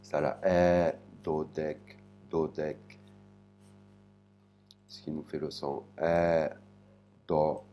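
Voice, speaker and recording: A man teaching a language lesson, slowly spelling out sounds and syllables one by one. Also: a bass voice, warm tone. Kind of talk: spoken lesson.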